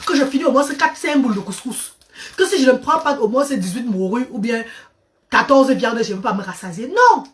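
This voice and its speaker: High-voiced coaxing woman, a bit off-mic. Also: a little fast, far from the mic. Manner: coaxing, showers viewers with endearments; switches between French and English. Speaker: live-stream host giving diet advice. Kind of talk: casual live-stream chat.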